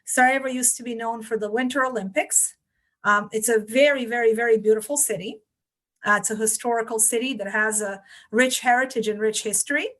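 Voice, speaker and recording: A woman in her forties with a Bosnian accent, a podcast guest telling her life story in a reflective, measured way. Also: a little high, steady tone, a bit bright. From Bosnia and Herzegovina. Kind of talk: interview storytelling.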